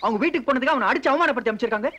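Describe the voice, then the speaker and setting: A blunt young friend arguing in a high, bright, rapid voice. He sounds forceful and quick in this film drama. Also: heavily acted. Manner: argumentative, quick.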